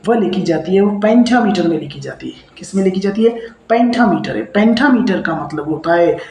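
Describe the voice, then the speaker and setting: A man's voice: high voice, lively intonation, a little fast, darkish tone, a little hiss or hum. A man teaching a lesson, who asks questions and answers them himself. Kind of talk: lecture on poetic meter. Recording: echoey room.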